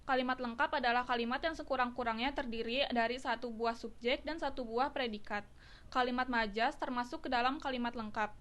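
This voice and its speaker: A woman student reading out a class presentation in a steady, list-like way. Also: on the high side, fairly quick.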